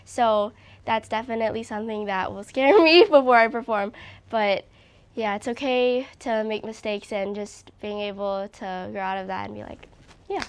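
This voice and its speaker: A young recording artist from Hawaii chats in a casual interview, speaking earnestly and openly and often saying "like." Her medium-pitched voice is clear and resonant at a moderate pace, though a little congested.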